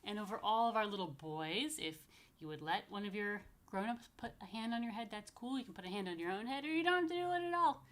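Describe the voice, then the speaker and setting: A woman rabbi with an animated, fairly bright mid-range voice talks fast during an apartment story time for young children. She keeps it casual and child-friendly, with blessings, simple repeated explanations and playful, chatty asides.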